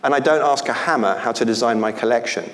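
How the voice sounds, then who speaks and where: A man with an average-pitched voice co-hosts an event. He talks in staged, conversational debate banter with his partner. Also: fast, fairly bright tone. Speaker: event co-host.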